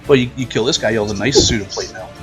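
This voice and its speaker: A man's voice: medium pitch, rapid-fire. Male game master narrating, music behind. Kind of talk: narrating a tabletop role-playing game.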